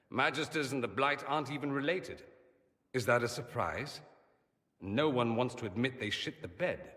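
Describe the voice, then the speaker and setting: A witty, vain, and charming young adult mage nobleman, a companion in a video game, speaks in a mid-range voice full of arch, ironic humor. His bright, animated delivery swoops up and down as he teases and theatrically performs each line, trailed by a long reverb.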